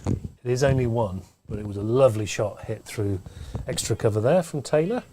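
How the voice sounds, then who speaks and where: A man's voice: mid-range voice, a little fast, a little hiss or hum. Chatty man calling club cricket. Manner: chatty, relaxed, banters with co-commentator. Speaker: cricket commentator. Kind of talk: live amateur cricket commentary. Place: indoor pavilion room.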